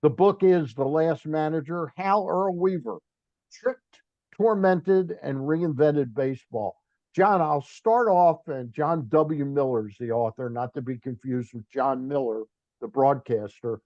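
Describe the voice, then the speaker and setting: On a dry, dull-sounding recording, a man with a slightly high voice speaks at a measured pace. He hosts a sports talk show, interviewing a guest in blunt, casual conversation and reading sponsor plugs.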